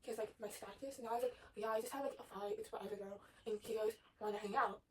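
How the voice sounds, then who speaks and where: A woman's voice: mid-range voice, steady tone, fast, warm tone. A young woman from Texas, a little out of breath, telling a casual story with lots of fillers and swearing. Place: her bedroom. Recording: far from the mic, faint room noise.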